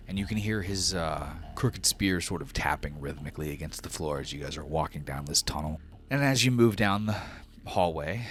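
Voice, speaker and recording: A man's voice: a bass voice, fairly bright tone, slight background noise. A man narrating a tabletop game as game master in a casual, descriptive style.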